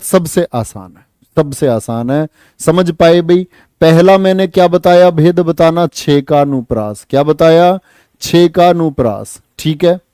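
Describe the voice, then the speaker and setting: A man teaching an exam-prep class, lively, asking students questions and answering them himself. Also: a little high, clean tone, dry recording. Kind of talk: online exam-prep lesson.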